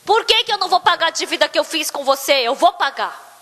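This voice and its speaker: A woman's voice: sits high, animated, quick pace, sharp tone, big-room sound. A woman voicing a woman church member who firmly insists on paying her debt. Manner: firm and insistent.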